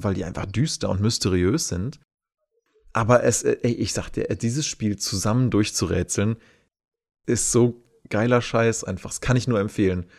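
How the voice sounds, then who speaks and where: Low-voiced man chatting on a podcast. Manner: lively storyteller, relaxed and chatty. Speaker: podcast host. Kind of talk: casual podcast chat.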